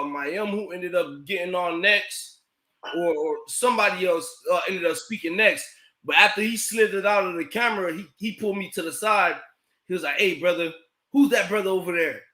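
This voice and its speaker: A man with a high, bright, sharp voice tells his story in casual chat, acting out the lines of others and swearing freely. The room gives his voice a clear echo. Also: moderate pace. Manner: animated, swears, acts out quoted dialogue. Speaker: podcast guest telling a story. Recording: echoey room.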